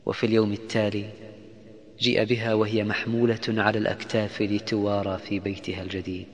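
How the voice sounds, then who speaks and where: A man's voice: fairly low pitch, level tone, fast, in a large hall. A man narrating a moral story in a solemn storytelling cadence.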